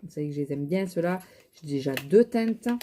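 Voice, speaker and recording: Tired, chatty woman with a mellow voice. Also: low voice, expressive, fairly quick, slight background noise. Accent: regional French. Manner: chatty, rambling, many fillers and restarts. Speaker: vlogger showing shopping haul and makeup. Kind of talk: casual chat to camera.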